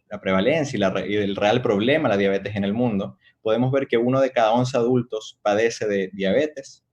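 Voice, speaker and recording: Middle-aged doctor guy from chile, lowish voice, explains slow and careful with lots of ehs. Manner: measured, explanatory, with frequent hesitations. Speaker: doctor, endocrinologist. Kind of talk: online medical lecture.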